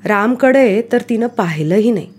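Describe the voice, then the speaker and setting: A woman telling a storybook tale in a calm, expressive reading voice. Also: on the high side, normal speed, a little hiss or hum. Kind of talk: storybook narration.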